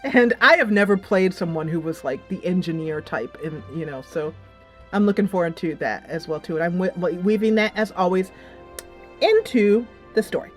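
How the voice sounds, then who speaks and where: A woman's low-side voice moves at a moderate pace with lively intonation. As a gaming-channel host, she casually reviews a game and chats about an upcoming series in a rambling style with dramatic rhetorical flair, music behind her.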